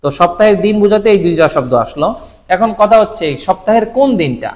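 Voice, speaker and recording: Speaking fast, a Bengali-speaking Japanese teacher gives a relaxed, explanatory lesson, quizzing the viewer and supplying his own answers with frequent "thik ache?" check-ins. His voice sits a bit high for a man, and a long reverb trails his words.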